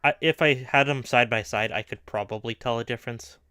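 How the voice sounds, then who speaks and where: A man's voice: medium pitch, fairly quick, clean tone, no echo, studio quality. A man streaming a truck game, chatting offhandedly with a friend about everyday things. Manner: relaxed, offhand small talk. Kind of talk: casual chat while gaming.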